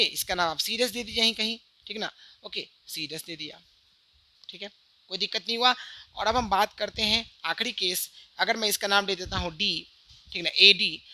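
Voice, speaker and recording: Bright-voiced man teaching physics. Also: high voice. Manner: keeps asking "right?" and speaks to the students directly. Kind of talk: explaining a diagram on an online lesson.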